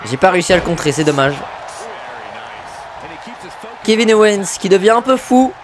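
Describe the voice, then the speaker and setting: Male gamer, high voice, excitable play-by-play, shouts at big moves, mutters asides. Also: fast, a crowd in the background. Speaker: gamer commentating his own wrestling video game match.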